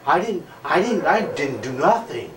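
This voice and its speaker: A man acting as an accused nephew in a low-budget amateur ghost movie, pleading and denying in a panic. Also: very animated, moderate pace, crowd noise. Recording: echoey room, distant mic, loud music.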